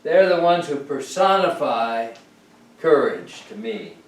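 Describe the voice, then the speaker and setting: Slow, earnest older man in a roomy church. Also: medium pitch, sing-song. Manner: slow, measured and earnest, pausing between phrases. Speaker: guest speaker at a congregation service. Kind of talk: reflective sermon. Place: sanctuary of a congregation. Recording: roomy church sound from a distance with faint ambience.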